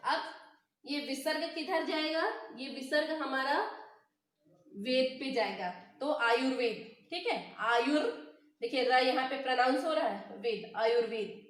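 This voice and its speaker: Woman teacher with a high voice, slow and patient at the board, recorded in a very echoey room. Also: fairly bright tone. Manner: patient, repeats each step with "ठीक है"; spells out letters slowly. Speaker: Hindi teacher. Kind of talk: whiteboard grammar lesson.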